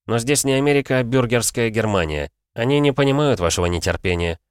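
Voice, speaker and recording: A man voicing a calm, self-possessed male Interpol expert in an audiobook, measured and explaining. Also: mid-range voice, clear, resonant tone, no echo, clean studio sound, voice pushed up, close to an everyday voice.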